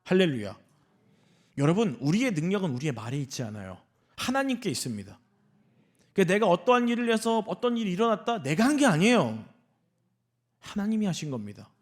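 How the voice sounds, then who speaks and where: A male senior pastor preaching a sermon in a church, animated and often asking the congregation questions. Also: sits high, a little fast, long pauses. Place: church sanctuary.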